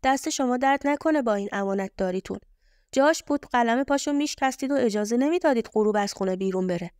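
Female narrator voicing a sharp, demanding older mother in a storybook, dry close sound. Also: on the high side, animated, vocal fry, no room sound. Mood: accusing. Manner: sharp, accusing.

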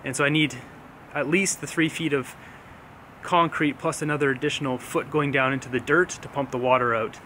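A man's voice: a little high, fairly even intonation, brisk, pushed and bright, slight background noise. Chatty young man filming his own repair. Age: young adult. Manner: chatty, loose, many fillers and restarts. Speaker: DIY home repair vlogger. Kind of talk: casual how-to vlog. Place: house basement and outdoor stairwell. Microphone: handheld camera at arm's length.

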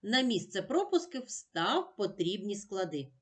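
A woman teacher giving a children's speech lesson, talking slowly with clear, deliberate diction. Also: mid-range voice, very animated. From Ukraine.

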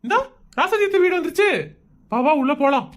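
A woman's voice: very high voice, animated, a little fast. A woman acting a tipsy husband who fumbles excuses and scolds his wife in a comedy skit. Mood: bossy. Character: tipsy bumbling husband, middle-aged man, evasive.

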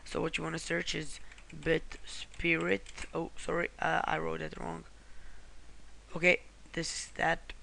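A man's voice: a little high, monotone, a little slow, creaky, bright, forceful tone, slight background noise. A man from Croatia, talking through a screen-recorded how-to walkthrough in a rambling way, often correcting himself and apologizing. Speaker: tutorial host.

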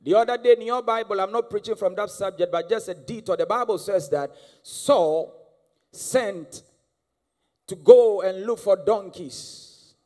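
A high-pitched, unhurried man with a dark tone and a Ghanaian accent, in his thirties, preaches a charismatic sermon as a guest prophet. Holding a handheld mic on stage in a large church hall, he exhorts the crowd and repeats lines for them to answer back. The live recording carries long reverb and music.

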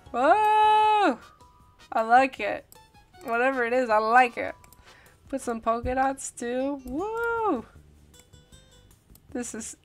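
A playful young woman talks her way through a game in a comedic commentary, her voice sitting a little high. She swings from chatty asides to sudden loud shouts. Faint music plays underneath her close mic. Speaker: YouTuber. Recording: light background music.

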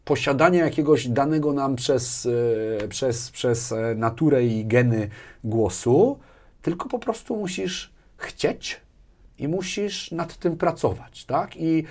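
This is a man in his forties, a business manager appearing as an interview guest, speaking slowly in a mid-range, somewhat mellow voice. He talks conversationally and thinks aloud, hesitating and repeating words. He's recorded on a lapel mic in a small, furnished indoor studio.

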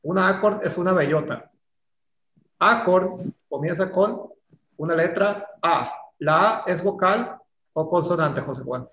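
A gravelly, high-pitched male English teacher gives an online class lecture at a slightly slow pace. His manner is casual and teasing, and he explains things step by step. The audio is dull and lo-fi, with an echoey room and faint noise.

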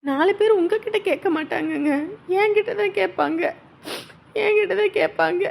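Brief: actress for a bitter, weepy young wife in a family drama; very high voice with a gravelly edge, rapid accusations. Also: female voice. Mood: tearful. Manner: tearful, accusing, rapid-fire complaints. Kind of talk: melodramatic web-series acting.

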